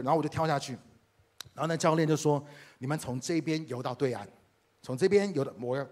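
Husky man preaching in Taiwanese Mandarin. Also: fairly high pitch. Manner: animated, addresses the congregation directly. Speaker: pastor. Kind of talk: sermon with personal storytelling.

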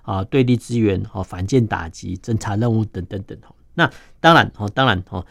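A man, a defense journalist explaining military matters as an interview guest, filling his phrases with drawn-out "oh" and "ha" sounds. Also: lowish voice, vocal fry, no room sound. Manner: peppers phrases with drawn-out "oh" and "ha" particles.

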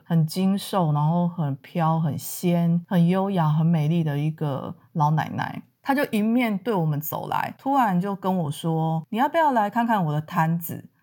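A woman from Taiwan, telling a personal story in a casual, animated way, laughing often and acting out what people said. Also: on the low side. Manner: animated, laughs often, acts out quoted dialogue.

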